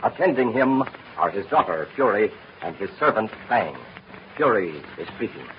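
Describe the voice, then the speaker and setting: A man's voice: lowish voice, very animated, normal speed. A man announcing and narrating a scripted 1940s radio serial with emphatic, theatrical enunciation. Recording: muffled old radio recording, faint noise.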